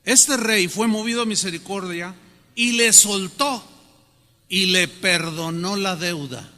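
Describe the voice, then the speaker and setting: A man preaching a sermon, animated and often questioning the congregation. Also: sits high, slow pace. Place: church hall. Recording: long hall reverb.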